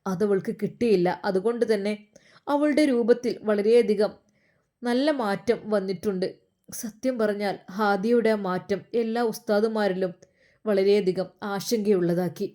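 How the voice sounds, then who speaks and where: A woman's voice: medium pitch, measured pace, mellow. A woman with a Malabar Malayalam accent narrating an emotional story in an earnest, heartfelt way.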